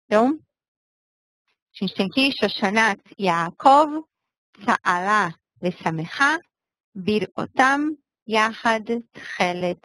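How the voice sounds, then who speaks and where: A woman's voice: mid-range voice, lively intonation, very slow, long pauses, fairly bright tone, dry recording, rough recording. A woman teaching a language lesson, patiently explaining step by step and checking in with her students. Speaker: Hebrew teacher.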